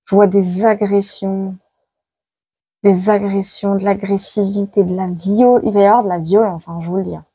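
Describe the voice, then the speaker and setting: A woman's voice: medium pitch, fairly even intonation, moderate pace, warm tone, slightly rough, no room sound. A woman psychic giving dramatic predictions during a card-reading video, repeating her words with many exclamations and sounding worn out by the heat. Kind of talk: live tarot prediction video.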